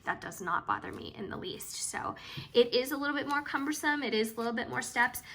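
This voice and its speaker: A woman vlogger talking casually through her cash budget, a bit hoarse and chatty, with frequent hesitations. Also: medium pitch, pushed and bright. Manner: chatty and hesitant, with frequent ums and trailing asides.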